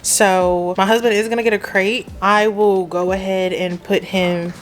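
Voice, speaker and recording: A woman's voice: mid-range voice, steady tone, measured pace, a little hiss or hum. A woman hosting a casual home vlog, talking to the camera and cooing at her puppy in a sing-song voice. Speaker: vlogger host. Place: at home indoors.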